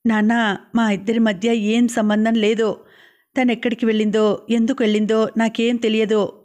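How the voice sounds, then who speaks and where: A woman's voice: on the high side, little pitch movement, normal speed, a little mellow, natural voice. A woman voicing a troubled young husband who pleads with his father in an anguished way. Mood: distressed.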